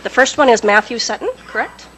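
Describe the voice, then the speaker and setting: A woman county supervisor introducing speakers at a crowded public hearing, brisk and friendly with frequent fillers. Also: a little high, background noise. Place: crowded public meeting room.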